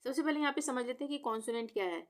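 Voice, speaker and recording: A woman's voice: high voice, rapid-fire. Woman teacher, patient, spells out letters, asks and answers her own questions, voice-over for a lesson video. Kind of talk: Hindi lesson on English pronunciation.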